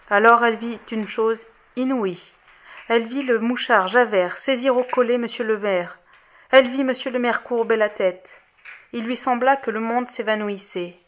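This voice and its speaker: Woman reading a classic novel out loud, steady pace, kinda high voice. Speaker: audiobook narrator. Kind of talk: literary audiobook narration.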